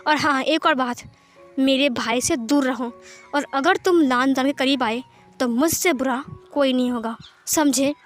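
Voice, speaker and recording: A woman's voice: high-pitched, measured pace, soft background music. A woman voicing a stern, protective young man who scolds and gives orders in a storybook reading. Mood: angry. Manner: scolding, forceful. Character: stern protective elder brother, harsh and commanding.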